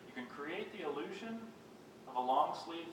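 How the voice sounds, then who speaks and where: A man giving a live poetry reading, reading his own poems in a measured, unhurried way and making wry, self-mocking jokes between them. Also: a little high, animated. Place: reading venue with a live audience. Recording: very echoey room, voice picked up from a distance, faint background noise.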